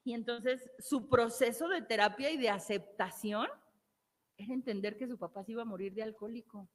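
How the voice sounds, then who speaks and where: A woman therapist with a Mexican accent speaks fairly quickly in a slightly high voice during an emphatic motivational talk. Key phrases come back again and again, along with rhetorical questions. Long hall reverb trails her words.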